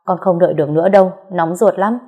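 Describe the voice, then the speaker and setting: A woman's voice: fairly low pitch, quick pace, narrow, tinny audio. A woman reading as a worried young husband. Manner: pleading, worried. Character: anxious young husband and father.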